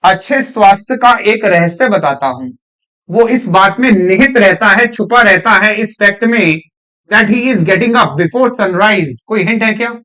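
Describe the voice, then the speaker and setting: A man's voice: sits high, animated, unhurried, bright, forceful tone. A man teaching an English grammar lesson, questioning and coaxing his students and repeating words. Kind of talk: classroom lecture.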